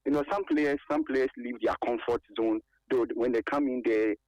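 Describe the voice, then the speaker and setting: A man's voice: medium pitch, expressive, moderate pace, a little mellow, no echo. Chuckling man on a clipped phone line. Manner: chuckling, loose and hesitant, with many fillers. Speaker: radio call-in caller. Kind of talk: call-in opinion on a sports show. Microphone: telephone.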